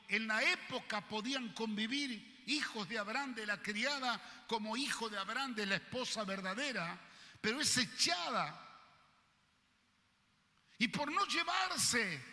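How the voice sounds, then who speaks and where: A man delivers a sermon as pastor, his voice high and piercingly bright. He moves slowly through his phrases, sinking to a hush before climbing into shouts. A long reverb trails behind him in the hall. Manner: swings between hushed low passages and shouted preaching.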